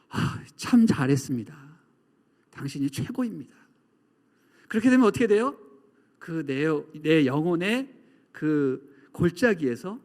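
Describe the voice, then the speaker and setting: A man with a high, lively voice gives a sermon in a large church sanctuary. He tells stories and acts out shouting and echoing calls. His voice rings with long church-hall reverb. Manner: preaching with acted shouts and echoes. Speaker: pastor.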